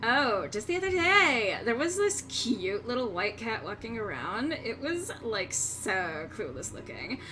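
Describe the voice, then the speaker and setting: A woman's voice: a little high, big pitch swings, a little slow, hardly any pauses, sharp tone, slight background noise, exaggerated voice, low-quality recording. A woman voicing a bubbly, ditzy, gossipy sorority-girl monster with a Valley Girl accent. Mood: gushing, ditzy.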